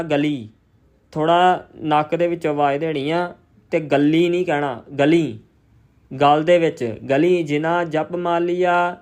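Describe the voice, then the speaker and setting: A man recites scripture verse by verse in a high, smooth, resonant voice, keeping a slow, steady, flat chant. Between verses he stops to explain the correct pronunciation as a teacher. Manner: chants verses slowly and evenly, then explains pronunciation briskly.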